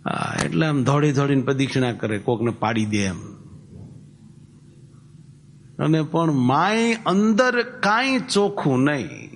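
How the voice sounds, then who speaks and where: A male preacher, speaking at a middling pitch. He talks in a storytelling way, quotes old scripture verses, and then unpacks them in a plain, folksy way. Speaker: religious preacher. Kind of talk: sermon with storytelling.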